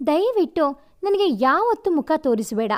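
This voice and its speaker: High-voiced young woman, cold and cutting, hurt and angry underneath, narrator reading her. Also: sing-song, moderate pace. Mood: scornful. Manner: scornful, cutting. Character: bitter heartbroken young woman, cold and scornful.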